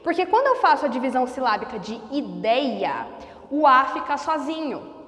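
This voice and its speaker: A woman's voice: high voice, normal speed, echoey room, big-room sound. A woman teacher giving a grammar lesson, explaining step by step and checking in with her students. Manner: lively, explains step by step with frequent "tá?" check-ins. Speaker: Portuguese teacher.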